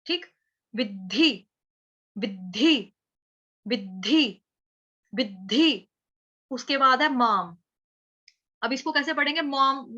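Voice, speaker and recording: A woman leads an online recitation class, breaking words into syllables and chanting them back slowly. Her voice sits high and bright over slightly muffled call audio, and she stays patient and methodical throughout. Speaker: Sanskrit chanting teacher.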